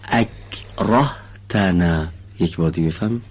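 A man teaching pronunciation in a studio lesson, polite and formal, patiently explaining and slowly stretching out syllables as he demonstrates. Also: sits low, animated, a little mellow, husky. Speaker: Quran recitation teacher.

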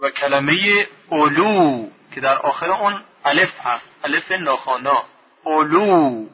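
A man teaching Quran reading in a radio lesson, stretching and repeating each example word slowly. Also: a little high, a little hiss or hum. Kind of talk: slow didactic lesson with drawn-out repeated words. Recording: dull lo-fi radio broadcast.

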